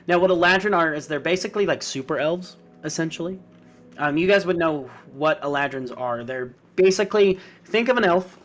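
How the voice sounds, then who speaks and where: A man's voice: fairly high pitch, fairly bright tone. Rambling man running a tabletop game. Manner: rambling, many fillers. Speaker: game master.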